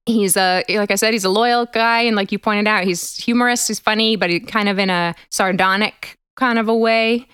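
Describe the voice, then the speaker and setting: A woman's voice: mid-range voice, fairly even intonation, normal speed, hardly any pauses, fairly bright tone, clear, resonant tone, no echo, studio quality. A woman co-hosting a casual podcast, explaining things at length and laughing often. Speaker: podcast co-host.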